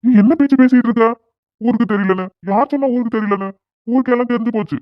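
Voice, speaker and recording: Man voicing a scolding cartoon father, quick high voice, pressing, dry phone-like sound. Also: dry recording. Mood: insistent. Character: scolding middle-aged father, village man. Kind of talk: cartoon voice acting.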